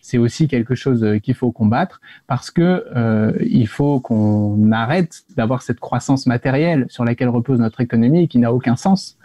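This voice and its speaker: A man's voice: medium pitch, moderate pace, hardly any pauses, dark tone, dry recording. A man giving an unscripted, argumentative panel answer, explaining and making short, firm assertions. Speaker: panelist, activist against planned obsolescence.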